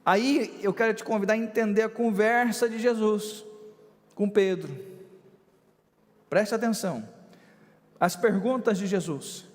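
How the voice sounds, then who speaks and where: A man, a bishop preaching a sermon with emphatic, drawn-out stresses on key words. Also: high-pitched, in a large hall.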